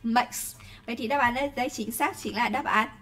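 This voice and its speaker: Her voice is high, bright and forceful as she teaches English online with a Vietnamese accent. She drills words slowly and deliberately, then picks up speed to explain, regularly checking in with the class.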